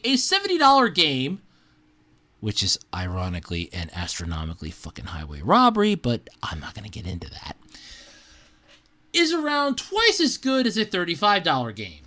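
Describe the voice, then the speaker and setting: With a medium-pitched voice, a podcast host reads an article aloud, sarcastic and animated, tossing in casual, profane asides.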